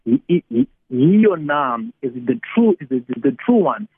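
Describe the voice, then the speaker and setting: A South African man with a Xhosa accent speaks over a narrow, tinny line with a rough, husky voice. As a guest preacher he explains teaching informally, repeating phrases haltingly and switching between two languages. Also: fairly high pitch, expressive, no echo.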